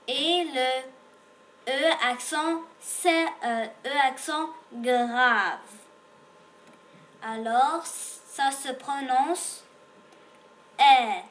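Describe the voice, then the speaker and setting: Slow, patient woman teaching reading. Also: high-pitched, fairly bright tone. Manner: sounds out letters patiently, repeats each word. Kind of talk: slow beginner reading lesson.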